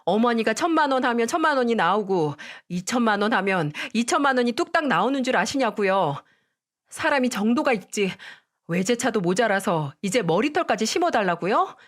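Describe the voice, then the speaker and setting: A woman's voice: a little high, sing-song, normal speed, voice pushed up. A woman voicing a fed-up, defiant young wife talking back in a dramatized story reading. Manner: defiant, retorting.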